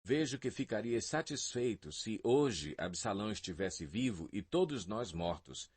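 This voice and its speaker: Guy reading a harsh army chief telling off the king, low gravelly-ish husky voice. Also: very animated, unhurried, exaggerated voice. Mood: rebuking. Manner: forceful rebuke. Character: stern army commander rebuking his king.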